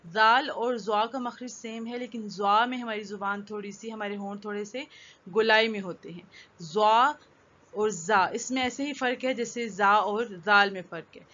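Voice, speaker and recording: A woman teaching a children's Quran reading lesson, reciting letter sounds slowly one by one and patiently explaining them. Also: medium pitch, sharp tone. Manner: slow, drilled syllable recitation. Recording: dull lo-fi audio.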